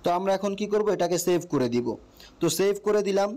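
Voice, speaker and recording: With a Bangladeshi accent and a high, animated voice, a man hosts a casual step-by-step app tutorial at a quick pace. He explains as he goes and often checks that the listener follows, while a crowd is audible in the background.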